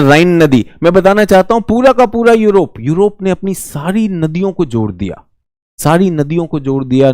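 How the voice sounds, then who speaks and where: A man's voice: a little high, a little mellow, clean tone, dry recording, studio quality. A man with an Indian accent teaching geography in a live online exam-prep class, chatty and teasing, repeating key words.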